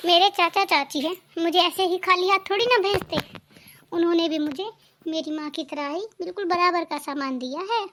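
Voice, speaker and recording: A young daughter-in-law from a cartoon family drama, voiced by a woman, with a very high, light voice. She stays polite but holds her ground. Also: normal speed, sharp tone. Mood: firm. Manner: polite but firm, answering back.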